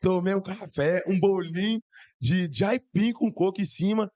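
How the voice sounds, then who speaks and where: A hoarse young man with a Brazilian Portuguese accent, telling a church testimony in an excited, slangy way. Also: high voice, normal speed, dry recording. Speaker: church youth member giving testimony. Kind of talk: casual testimony to a congregation.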